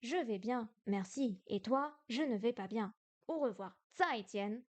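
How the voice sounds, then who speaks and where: A woman's voice: on the high side, measured pace, a little mellow. A young woman from France in a casual livestream study session, repeating syllables aloud and exaggerating the tones. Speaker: streamer learning Chinese.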